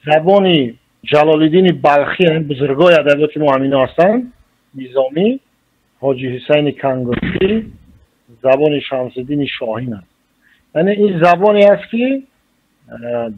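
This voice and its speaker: A man with a Tajik accent answers radio interview questions as a journalist. His voice sits somewhat high, and he lays out each point slowly and deliberately. The recording sounds muffled, like an old radio broadcast. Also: lively intonation. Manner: slow, deliberate and explanatory.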